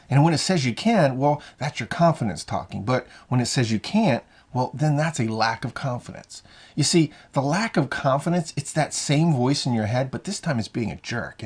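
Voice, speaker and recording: A man's voice: mid-range voice, darkish tone, husky. A man talking straight to his viewers as a hockey confidence coach, encouraging and conversational, often saying "you know" and restarting phrases. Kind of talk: motivational talk to camera.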